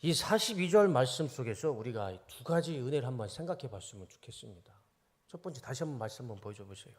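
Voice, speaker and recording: A male pastor giving a sermon in a church, animated and often putting questions to the congregation. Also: medium pitch, fast talker. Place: church sanctuary.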